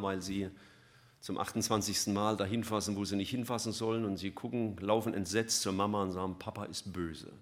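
A man preaching a sermon, swinging between loud emphatic lines and soft, almost whispered ones. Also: fairly low pitch.

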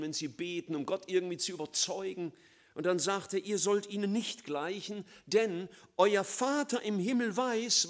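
A man preaching a sermon, swinging between loud emphatic lines and quiet, low, slow passages.

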